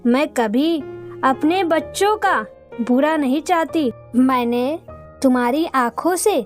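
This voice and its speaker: A woman's voice: high voice, takes it slowly, soft background music. A woman voicing a merciful mother goddess who speaks solemnly and kindly. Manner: solemn and reassuring.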